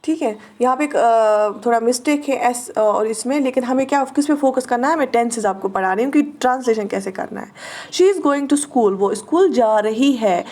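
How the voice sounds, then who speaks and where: A woman teacher with a Kashmiri accent, speaking in a fairly high but mellow voice. She reads each example sentence slowly and repeats it for drilling. She keeps checking that her students follow along. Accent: Kashmiri-accented Hindi-Urdu. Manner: checks understanding with short questions. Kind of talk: online exam-prep lesson.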